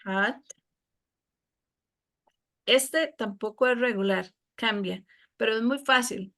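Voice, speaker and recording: A woman's voice: a little high, slow, a bit bright. A woman teacher with a Costa Rican Spanish accent, explaining a lesson patiently to her students. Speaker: English teacher.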